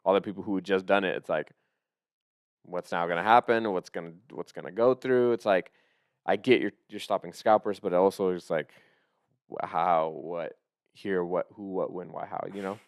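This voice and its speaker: Rambling man with a smooth low voice. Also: normal speed, no room sound, studio quality. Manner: rambling, excitable, trails off and restarts. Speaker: podcast co-host. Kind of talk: casual chat.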